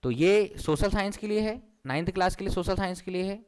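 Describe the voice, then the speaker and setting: A man with a high voice teaches an online class, walking viewers through a document one item at a time. He repeats his instructions again and again as he goes. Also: fairly quick, smooth. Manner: repeats points over and over, instructing.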